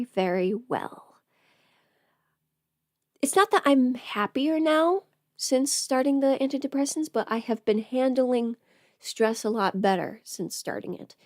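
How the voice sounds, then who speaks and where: A young woman who livestreams and does audio performance chats casually with viewers while putting on makeup, rambling and often cutting herself off. Her voice is fairly high with a darkish tone, captured in studio quality with no room sound.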